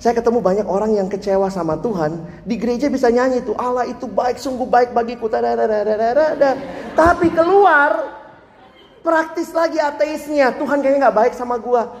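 A man's voice: extremely high pitch, quick pace, few pauses, darkish tone. A man preaching a sermon as a pastor, talking conversationally and slipping into casual slang. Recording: long reverb in a large hall, faint noise.

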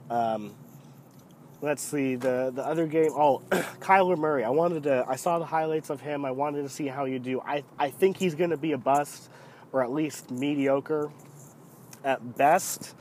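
Man, deep cold-affected voice, hesitant casual sports commentary, opinionated, rambling, faint background noise. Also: a little slow, a little mellow. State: sick with a cold. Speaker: sports podcast host. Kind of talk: casual solo NFL commentary.

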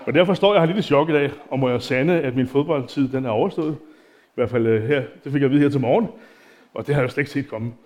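A man's voice: mid-range voice, darkish tone. Man preaching in a church, casual and chatty, self-deprecating, lots of fillers and restarts, informal sermon. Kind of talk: informal sermon with Bible reading.

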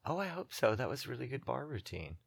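A woman's voice: extremely low pitch, sing-song, quick pace, vocal fry, husky. A woman co-hosting a podcast, chatting casually and wryly as she recaps a TV episode and laughs often. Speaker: podcast co-host.

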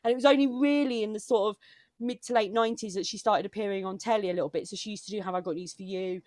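A woman's voice: mid-range voice, fast, darkish tone, no echo. Candid woman comedian, dry close sound. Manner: emotional, digressive, with restarts. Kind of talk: casual chat.

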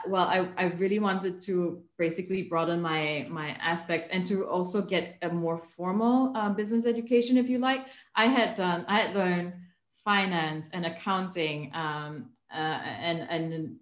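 Woman from malaysia, 30s, lowish voice, talks slow and thoughtful with lots of ums, roomy echo. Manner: thoughtful, measured, many fillers. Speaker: guest, author. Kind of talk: remote interview.

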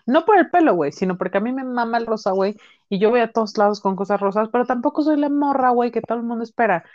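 A young Mexican woman in casual, profane chat, telling animated stories. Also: mid-range voice, no room sound. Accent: Mexican Spanish. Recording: dull lo-fi sound.

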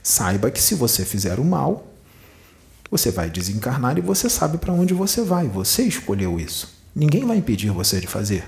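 Gravelly-voiced Brazilian man preaching. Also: mid-range voice, big pitch swings, normal speed, a little mellow. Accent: Rio de Janeiro Portuguese. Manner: preachy, rhetorical questions, emphatic. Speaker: spiritual medium. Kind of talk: channeled spiritual teaching.

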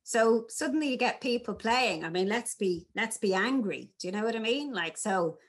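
A woman, a drama teacher talking through classroom exercises in an interview, animated and playful. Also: fairly high pitch, normal speed. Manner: animated, demonstrates lines in varied voices. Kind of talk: conversational interview.

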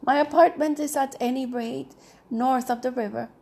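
A woman reading the part of a commanding, worldly older aunt, speaking firmly and briskly. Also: high voice, fairly even intonation, gravelly, dark tone, breathy edge, voice pushed up, full character voice. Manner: firm and brisk.

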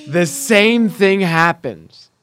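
A man in his twenties telling a work story in casual chat, animated and acting out the quotes. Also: high-pitched, very slow, soft background music. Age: 20s.

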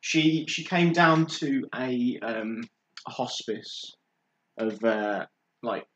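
A man's voice: medium pitch, takes it slowly, fairly bright tone, muffled recording. A young man, a podcast guest, tells a story in casual chat, stopping often on fillers. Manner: hesitant storytelling with many fillers.

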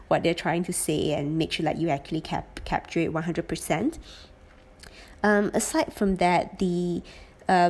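A former auditor in her late twenties reflects casually on how her career went, in a low, slightly mellow voice. Her monologue is thoughtful, full of pauses, frequent "um" fillers, and restarts.

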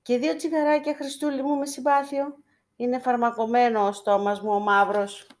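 A woman with a slightly high, level, pushed-up but natural voice plays a poor village man begging for coins before church icons. The mood is wheedling as he pleads and coaxes with endearments.

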